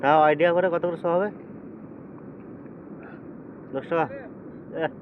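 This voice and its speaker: High-voiced man vlogging outdoors in wind. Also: steady tone, measured pace, narrow, tinny audio. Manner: chatty, calls out to viewers and passers-by. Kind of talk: casual walking vlog commentary. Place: outdoors by a muddy riverbank and on a boat. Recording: outdoor wind and boat noise.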